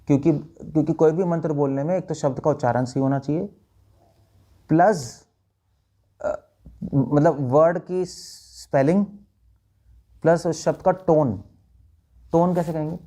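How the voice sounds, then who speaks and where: Monk teaching, warm mellow voice. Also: male voice, on the high side, unhurried, pauses often. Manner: questioning listeners, demonstrating chants. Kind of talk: spiritual talk to an audience.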